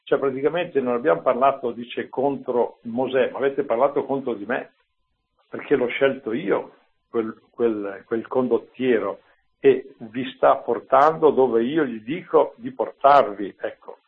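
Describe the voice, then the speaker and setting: Man, priest, conversational homily, rhetorical asides, gravelly, thin phone-like sound. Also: mid-range voice, a little slow. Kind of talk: Bible commentary, homily. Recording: tinny phone-like line.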